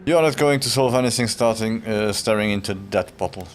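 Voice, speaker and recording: A man's voice: lowish voice, a little fast, faint music behind. A man streaming a video game, chatting casually, reading player lines aloud with wry asides. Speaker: gaming streamer. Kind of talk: casual let's-play commentary.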